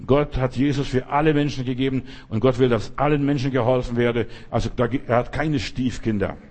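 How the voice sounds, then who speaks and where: A man's voice: medium pitch, a little mellow. An older man preaching a sermon, emphatic and repetitive, speaking straight to the listener.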